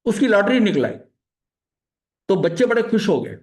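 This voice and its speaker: A man with a notably high speaking voice leads a religious study session. He teaches conversationally, circling back with filler phrases and restarting sentences. He drops English terms into his explanations. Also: big pitch swings, moderate pace, darkish tone. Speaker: spiritual study leader.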